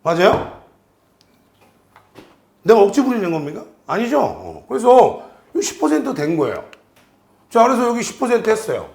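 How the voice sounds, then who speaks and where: Male lecturer, high, lively voice, keeps quizzing students; roomy echo. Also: normal speed, gravelly, long pauses. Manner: animated, questions students constantly. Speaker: exam prep instructor.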